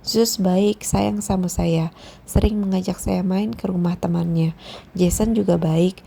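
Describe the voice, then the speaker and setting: A woman reading the part of a young woman patient in a storybook, quiet and plain-spoken. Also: lowish voice, steady tone, unhurried, creaky, a little hiss or hum. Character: young woman patient recalling her sad childhood.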